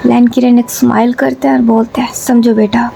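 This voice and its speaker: A woman reading fan fiction aloud as a storyteller, in a steady storytelling manner. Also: on the high side, brisk, gravelly, slight background noise.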